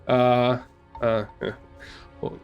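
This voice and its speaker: Speaking extremely slowly in a smooth, medium-pitched voice with a level tone, a Serbian-speaking man streams a game and comments on it casually. He hesitates constantly, with many fillers and restarts, and the muffled recording carries soft background music.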